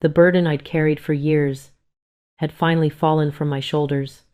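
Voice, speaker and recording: A woman reading a first-person story in scripted narration, calm and measured. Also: low voice, narrow, tinny audio.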